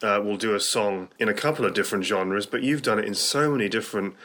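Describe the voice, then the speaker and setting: A man's voice: on the low side, fast talker, fairly bright tone. A man with a British accent hosting a talk radio interview, speaking conversationally in a hesitant, rambling way with repeated words.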